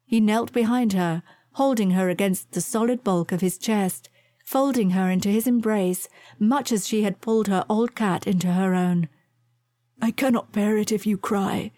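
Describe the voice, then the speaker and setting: A woman narrating a romance novel aloud in a soft, measured reading voice. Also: medium pitch, no room sound, clean studio sound. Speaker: audiobook narrator.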